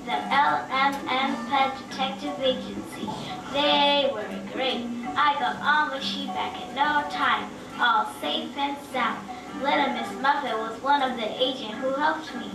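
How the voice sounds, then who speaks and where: A woman's voice: sits high, measured pace, echoey room, recorded from a distance, over music, poor audio. A woman playing a cheerful young shepherdess in a mock advertisement. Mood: chatty.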